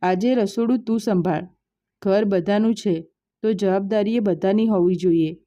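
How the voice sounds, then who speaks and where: A woman doing a calm, caring old father. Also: medium pitch, normal speed, highs cut off, close to an everyday voice. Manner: calm, gentle.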